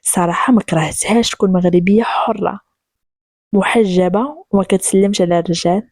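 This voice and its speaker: A woman's voice: medium pitch, brisk, darkish tone, dry recording, clean studio sound, lightly acted. A woman voicing a sly young Moroccan man.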